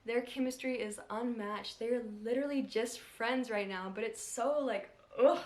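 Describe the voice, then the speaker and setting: A woman's voice: on the high side, normal speed. Chatty young woman gushing about books. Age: young adult. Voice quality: slight lisp from a retainer. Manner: gushing, chatty, lots of fillers. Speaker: book vlogger. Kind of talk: casual reading vlog.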